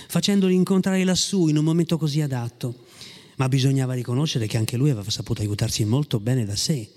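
A man reading a story aloud with a lively, ironic delivery and occasional asides to his listeners. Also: high-pitched. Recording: long hall reverb.

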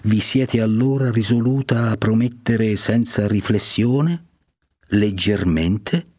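A man reading aloud plays a dignified elderly cardinal in a storybook reading, speaking with solemn, measured weight. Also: lowish voice, warm tone, no room sound. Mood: admonishing.

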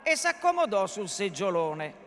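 A woman actress giving a measured, expressive theatrical reading of a novel, live in a hall. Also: mid-range voice. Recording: echoey hall.

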